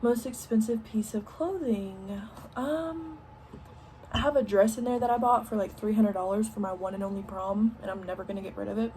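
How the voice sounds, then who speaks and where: A young woman with a Southern country accent answering questions in a relaxed home Q&A, filling pauses with lots of ums and likes. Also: mid-range voice, slight background noise. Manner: chatty, many ums and likes. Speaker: vlogger. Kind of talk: casual Q&A while doing makeup. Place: home, indoors.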